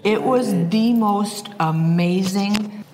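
A woman's voice: medium pitch, slow, a little mellow, long reverb tail, faint music behind. A woman being interviewed, speaking in an effusive, emphatic way. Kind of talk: emotional interview.

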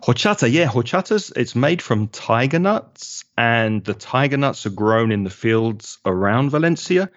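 A man's voice: medium pitch, expressive, measured pace, hardly any pauses, dry recording, highs cut off. A man with a London accent, a guest chatting casually and enthusiastically in an interview, spelling out names as he goes. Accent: London English. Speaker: guest, local resident.

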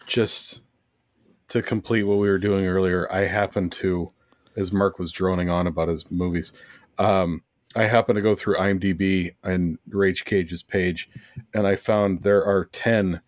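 A man co-hosting a casual podcast chat, wry and deadpan, who swears casually as he lays out his picks. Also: sits low, a little slow, no room sound, studio quality. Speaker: podcast co-host.

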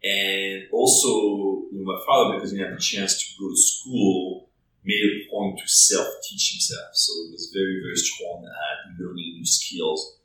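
A man's voice: low-pitched, steady tone, measured pace, a bit bright. A man with a French accent, a startup founder in his thirties, talking reflectively in a casual interview with many fillers and repeated words. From France. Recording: echoey room, distant mic, faint noise.

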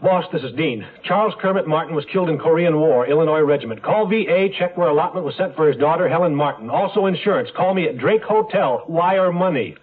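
A man's voice: fairly high pitch, animated, quick pace, few pauses, close to an everyday voice. An actor playing a weary, hard-drinking male insurance investigator who stammers when flustered, in a 1970s radio drama. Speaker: detective narrator. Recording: tinny old radio broadcast with music.

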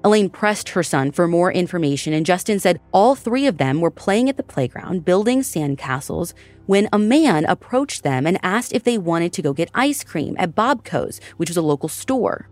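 A woman hosts and narrates a scripted true-crime story in a measured, dramatic delivery. Her voice sits notably low for a woman. Faint music runs under her narration. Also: very animated, darkish tone, no room sound. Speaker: podcast host and narrator.

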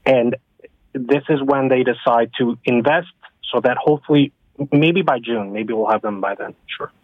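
A man's voice: mid-range voice, moderate pace, no room sound. Man, radio panelist, emphatic, repeats points, tinny phone-like sound. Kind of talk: radio discussion.

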